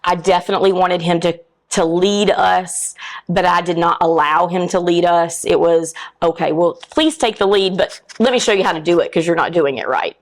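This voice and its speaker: A woman's voice: lowish voice, normal speed, poor audio. Frank woman telling a story. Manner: candid and frank, acts out quoted dialogue. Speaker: podcast guest. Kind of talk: personal storytelling in conversation.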